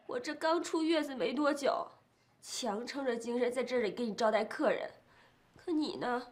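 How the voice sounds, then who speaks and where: A woman's voice: high voice, normal speed, close to an everyday voice. An actress playing an aggrieved young wife and new mother in a TV drama. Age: young adult. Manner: aggrieved, complaining. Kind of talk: TV drama acting.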